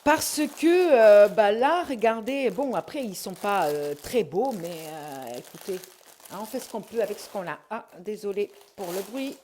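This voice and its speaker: A middle-aged woman chatting casually at home as she shows off a shopping haul, hesitating often with drawn-out fillers. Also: medium pitch, expressive, darkish tone, slight background noise. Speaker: vlogger showing her shopping haul.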